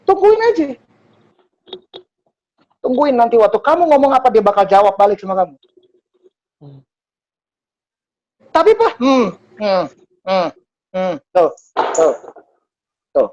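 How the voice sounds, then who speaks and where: Lively woman preaching. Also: fairly high pitch, unhurried, long pauses, muffled recording, slight background noise. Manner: animated, switching between Indonesian and English. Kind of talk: sermon.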